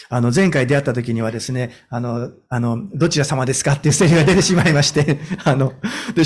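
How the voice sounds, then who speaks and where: A man in his fifties preaching a sermon as a pastor, stressing points with rhetorical questions and then easing into a personal story. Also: on the high side. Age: 50s.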